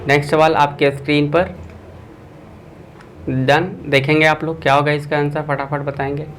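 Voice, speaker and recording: A man's voice: on the high side, level tone, moderate pace, a bit bright, slight background noise, poor audio. Man teaching an online exam class. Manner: quizzing viewers with a repeated filler.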